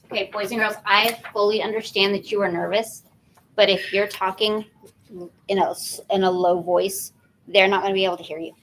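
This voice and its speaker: Woman, mid-pitched, firm and instructive, briefing kids before a school contest. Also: fairly even intonation, fairly quick, a bit bright, slight background noise, rough recording. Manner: firm, instructive, repeats rules. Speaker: spelling bee organizer. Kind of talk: giving instructions to students. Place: school event room.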